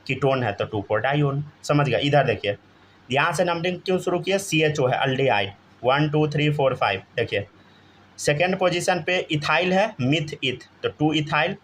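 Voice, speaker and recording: Male chemistry teacher, slightly high voice. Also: lively intonation, moderate pace, a bit bright, slight background noise. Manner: keeps asking students to answer, often says "theek hai". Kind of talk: live classroom lesson.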